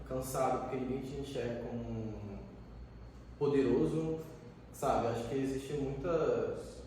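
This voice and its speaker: A youth educator in his twenties talks earnestly and reflectively in a casual conversation, using many fillers. His mid-range voice is a little mellow. The room is echoey, the mic distant, and there's slight background noise.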